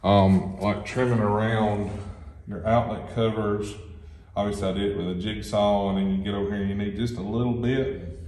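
A man's voice: lowish voice, moderate pace. Man talking in an echoey empty shop. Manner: relaxed, plain explanatory talk with fillers. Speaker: shop owner reviewing a tool box. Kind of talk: casual walkthrough vlog. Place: large empty shop building under construction, indoors. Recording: echoey empty shop with loud music behind.

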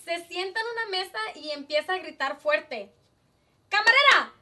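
A woman's voice: high-pitched, expressive, moderate pace, sharp tone, distant mic. A woman hosting a casual live show, chatting in a mix of Spanish and English and laughing at her own jokes. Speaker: show host. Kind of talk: casual live show chat and joke telling.

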